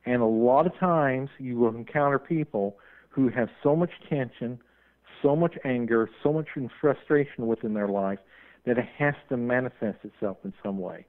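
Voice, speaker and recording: A man's voice: medium pitch, normal speed. A man being interviewed as a paranormal investigator on call-in radio, talking at length and running on in a rambling way. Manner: talkative, rambling, admits he runs on. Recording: tinny phone line.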